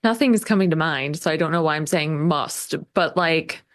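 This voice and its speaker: A woman co-hosting a podcast, reacting in casual chat with short, unhurried remarks. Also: low-pitched. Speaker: podcast co-host.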